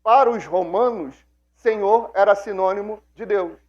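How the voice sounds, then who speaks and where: A man's voice: high voice, moderate pace, darkish tone, highs cut off. A man teaching a Bible class like a sermon, acting out quoted speech and asking the class questions.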